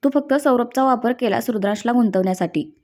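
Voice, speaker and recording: Brief: woman reader doing an angry, accusing young wife, slightly high, mellow tone. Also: fast talker, natural voice. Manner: fierce, accusing. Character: distraught young woman defending her husband.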